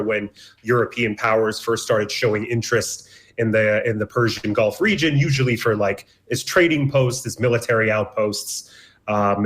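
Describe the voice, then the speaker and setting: Man from Iran, radio interview guest, analytical and measured, mid-pitched voice. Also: a bit bright. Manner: measured, analytical, restarts phrases. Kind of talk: explanatory interview answers.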